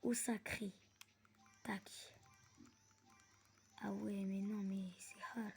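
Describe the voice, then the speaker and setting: A woman giving casual gameplay commentary, chatty and prone to excited yelps while she plays, recorded on a phone. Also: mid-range voice, extremely slow, vocal fry, slight background noise. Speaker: gamer.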